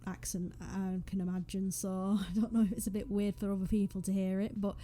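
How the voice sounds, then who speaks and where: Talking fairly quickly into a USB desk microphone, this Sims YouTuber, a young woman from northwest England, chats and rambles over a game build with self-deprecating asides in her Northwest English accent. Her voice is medium-pitched and dark, with little pitch movement.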